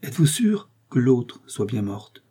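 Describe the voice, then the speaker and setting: A man's voice: medium pitch, very animated, measured pace, warm tone, slightly rough. A man voicing an agitated, earnest young swordsman in a read-aloud novel, speaking urgently and emphatically.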